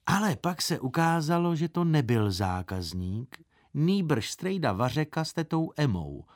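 A man narrating a storybook in an expressive, animated way, close to the mic. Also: a little high, dry recording. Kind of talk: storybook reading.

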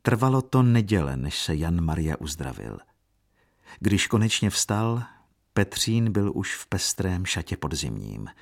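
A man narrating a classic novel in a measured, expressive audiobook reading. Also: low voice, vocal fry.

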